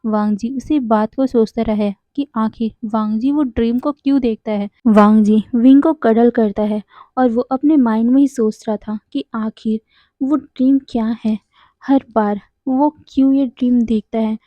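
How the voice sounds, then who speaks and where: A woman's voice: on the high side, dry recording, muffled recording. A woman narrating a fan story in a casual, conversational way, now and then correcting herself.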